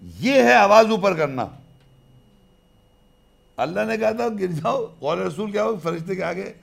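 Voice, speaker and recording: A man giving a religious lecture on the Quran, explaining at length, mixing in English terms and reciting verses slowly. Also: high-pitched, lively intonation, vocal fry.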